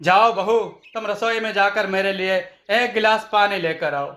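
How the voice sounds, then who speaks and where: A kindly father-in-law, as a man acts him out, speaking gently and patiently. His voice sits high and bright in an echoey, roomy recording. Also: normal speed. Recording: echoey room.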